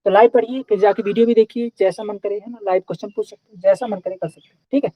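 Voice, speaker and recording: A man's voice: high-pitched, steady tone, quick pace, dry recording, muffled recording. A young man teaching a live online class in a casual, chatty way, often checking in with his students.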